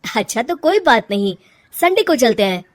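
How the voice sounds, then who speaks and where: An earnest young cartoon husband, played by a woman storyteller in a high, animated voice. He sounds questioning and insistent, pleading with his wife. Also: normal speed. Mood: cheerful, inviting. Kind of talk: animated moral story character voice.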